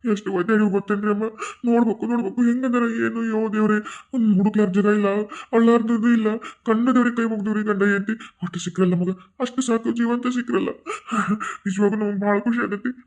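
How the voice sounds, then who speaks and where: A furious, grieving father in a cartoon, played by a man, rattling words off at breakneck speed in a high voice. His North Karnataka accent is broad and his tone heated. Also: fairly even intonation, a little mellow. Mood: relieved. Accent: North Karnataka Kannada. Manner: heated, rapid. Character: enraged father, vengeful and grieving. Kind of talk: cartoon voice acting.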